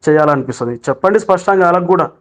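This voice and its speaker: A man's voice: on the high side, expressive, racing. A man with a Telangana Telugu accent recording a voice message for a chat group, speaking in an urgent, preachy way with frequent restarts. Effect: recorded voice message sent to a chat group. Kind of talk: persuasive political voice message. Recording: lo-fi phone voice note.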